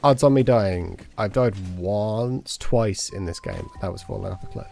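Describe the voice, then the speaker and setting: A man's voice: lowish voice, a little slow, vocal fry, a little mellow, slight background noise. A man giving casual, rambling commentary while playing a game, joking and muttering to himself. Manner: rambling, jokey, sings to himself. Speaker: streamer.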